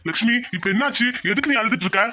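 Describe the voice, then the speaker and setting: A man playing a gruff village elder. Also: sits high, animated, racing, pushed and bright, heavily acted. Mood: stern. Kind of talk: cartoon voice acting.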